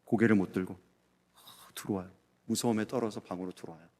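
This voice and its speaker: A middle-aged male pastor giving a Sunday sermon, swinging between loud emphatic peaks and soft, hushed storytelling. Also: lowish voice, steady tone, fast. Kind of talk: Sunday sermon with acted anecdotes. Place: church sanctuary. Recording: long church hall reverb.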